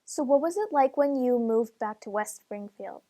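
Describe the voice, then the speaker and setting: A woman's voice: fairly high pitch, expressive, normal speed, mellow. A woman hosting an oral history interview, asking polite prepared questions. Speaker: interview host.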